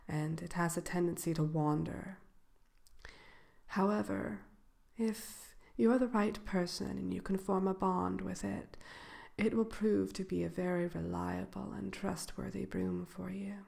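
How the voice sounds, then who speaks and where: A woman voicing the Wicked Witch as a haughty yet gracious shopkeeper in a soft ASMR role-play, genteel and coy, often slipping into a whisper. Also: lowish voice. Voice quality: creaky, breaking into whisper. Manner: unhurried, hesitant pauses, genteel, coy.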